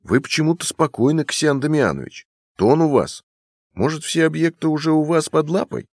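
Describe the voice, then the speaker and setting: A man's voice: a little high, expressive, moderate pace, a little mellow, dry recording, studio quality, voice pushed up. A man reading a Russian novel aloud, voicing a younger male scientist who sounds guarded and defensive. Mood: probing.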